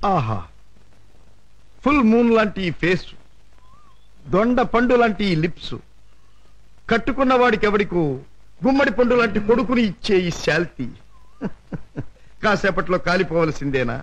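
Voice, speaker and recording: A man's voice: sits high, expressive, normal speed, long pauses. An actor playing a flippant man who mocks a grieving father over his car accident. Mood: mocking. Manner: mocking, flippant. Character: smug, callous young male car owner. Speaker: car owner. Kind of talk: film acting.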